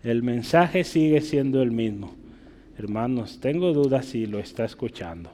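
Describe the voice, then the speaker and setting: A man's voice: mid-range voice, animated, normal speed, warm tone. Man preaching in a reverberant hall. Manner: conversational, often checks with the congregation. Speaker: pastor. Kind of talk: sermon.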